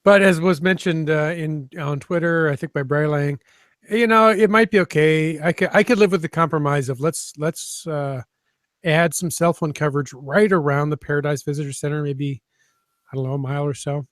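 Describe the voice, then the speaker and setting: Man, podcast co-host, slightly high voice, dry mic, wry, teasing. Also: fairly even intonation, normal speed, dry recording. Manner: wry, teasing, rambling with fillers. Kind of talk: casual podcast chat. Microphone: video call.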